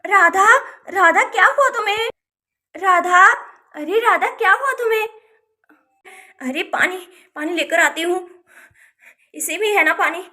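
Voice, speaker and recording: A woman voicing a kind village neighbor woman in a doll storybook, talking briskly and urgently. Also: very high voice, pushed and bright, exaggerated voice.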